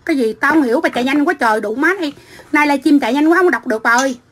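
A woman's voice: sits high, rapid-fire. A middle-aged woman from Vietnam, delivering a profane, combative livestream rant into a phone. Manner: profane, combative, shouting insults.

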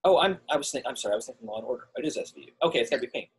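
A man on a podcast panel who guesses quiz answers and makes quick joking asides. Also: mid-range voice, animated, husky. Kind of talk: casual podcast game banter.

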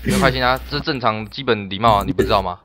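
A man's voice: lowish voice, racing, bright, forceful tone, faint music behind. A young man with a Taiwanese Mandarin accent, mocking and swearing in a heated voice-chat argument. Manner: mocking, swearing, repeats "知道吗". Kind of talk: heated trash talk.

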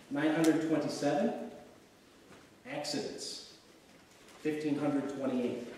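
A middle-aged man preaching a sermon as pastor in a church, pausing deliberately as he recites figures. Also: a little high, dark tone, a little hiss or hum. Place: large church sanctuary. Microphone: far camera in the pews. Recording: roomy church echo from far off.

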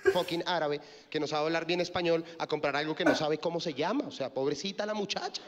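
A man performing a stand-up comedy set, telling jokes in a deadpan way. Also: fairly high pitch, fast talker. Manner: deadpan delivery, puts on his father's voice. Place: comedy stage. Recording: echoey stage recording with loud noise.

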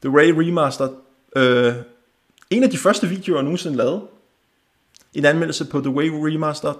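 A young man giving quick, offhand verdicts and chuckling often while chatting casually on a livestream. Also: a little high. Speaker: gaming channel host.

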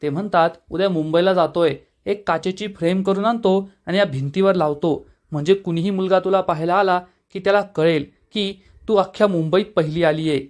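High-voiced man recapping a serial. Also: fairly quick, hardly any pauses. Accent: Marathi. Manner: steady storytelling, reading quoted dialogue in the same voice. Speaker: serial episode reviewer. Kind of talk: scripted recap narration.

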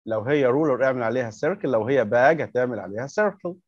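A man's voice: mid-range voice, lively intonation, no room sound, dull audio. Patient Egyptian teacher, man. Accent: Egyptian Arabic. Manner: patient, repeats words slowly and asks questions. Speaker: English teacher for young children. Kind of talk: workbook lesson explained step by step.

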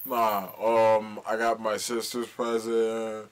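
A man's voice: fairly low pitch, level tone, slow. A man in his twenties chatting casually as a podcast co-host, full of slang, laid-back and rambling. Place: small indoor studio. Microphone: large desktop studio microphone.

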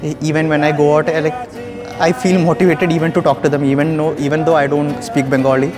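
Young male student from Kerala, slightly high pitch, casual, music under. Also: level tone, fast. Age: young adult. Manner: casual, filler-heavy. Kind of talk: interview.

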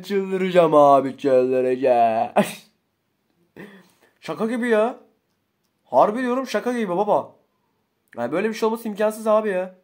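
A young man chats over his gameplay in a fairly high voice. He mutters low while he concentrates, then bursts out loud when things go wrong. His talk is slangy and full of swearing. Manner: excitable, swings between muttering and shouting. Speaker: gaming YouTuber. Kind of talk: casual gameplay commentary.

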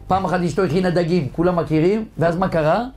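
A male rabbi giving a humorous sermon, telling jokes and stories to his congregation. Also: high-pitched. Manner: lively joke-telling storyteller addressing a congregation.

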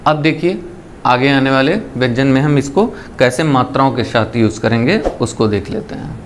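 A man's voice: medium pitch, moderate pace, a little hiss or hum. A man teaching a shorthand lesson. He explains step by step, patiently, and keeps checking in with the listener.

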